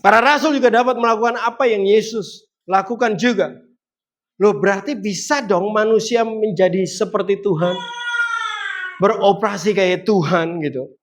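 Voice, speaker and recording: A man's voice: high voice, normal speed. A man preaching a sermon, speaking with rising emphasis and putting direct questions to the congregation.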